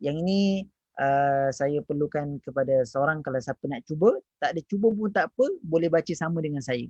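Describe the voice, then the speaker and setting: A man's voice: a little high, darkish tone, no echo. A man with a Malaysian Malay accent teaching Quran recitation in an online class, stretching out Arabic syllables to demonstrate them. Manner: drawn-out demonstrations of Arabic sounds, repeated syllables, frequent "ah" and "ha". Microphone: online class microphone. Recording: dull, dry online audio.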